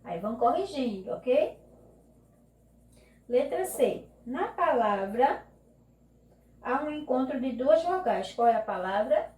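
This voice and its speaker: A woman teacher with a Brazilian Portuguese accent, giving a recorded lesson and explaining slowly and patiently, often checking in with "ok?". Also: sits high, expressive, darkish tone. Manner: slow, patient, drawn-out classroom explaining with frequent "ok?" checks. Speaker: primary school teacher. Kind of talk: recorded remote class lesson. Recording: echoey room, mic at a distance.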